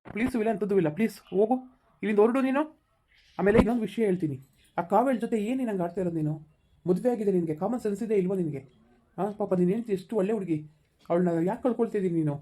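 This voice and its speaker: Woman playing a fast-talking scolding male boss. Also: medium pitch, warm tone, close to an everyday voice. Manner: scolding, lecturing. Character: stern male office boss, middle-aged. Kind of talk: village skit acting.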